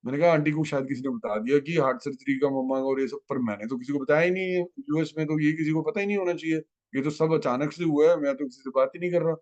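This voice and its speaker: A man's voice: a little high, fast talker, few pauses, darkish tone, dull audio. A man sharing an emotional devotional testimony with a gathering, telling his story with feeling and slipping into English phrases.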